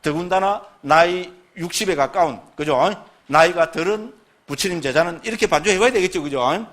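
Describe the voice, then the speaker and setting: A man lecturing on Buddhist scripture, first reciting a text slowly and then explaining it with constant tag and rhetorical questions. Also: sits high, fairly bright tone. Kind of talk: slow recited scripture reading, then lively classroom lecture.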